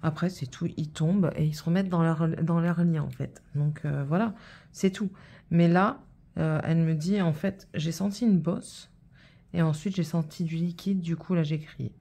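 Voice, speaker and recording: A woman's voice: low-pitched, normal speed, gravelly, dark tone. A woman in her thirties chatting casually while stitching, telling a rambling story full of fillers. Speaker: vlogger.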